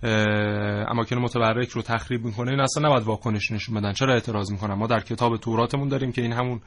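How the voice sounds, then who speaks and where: A man hosting a studio discussion, speaking haltingly with many pauses. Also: medium pitch, fairly even intonation. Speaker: host.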